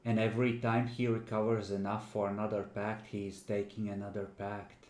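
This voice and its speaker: A man's voice: lowish voice, flat delivery, normal speed, a little mellow, echoey room. A man running a tabletop role-playing game as game master, narrating conversationally in a teasing, dramatic way.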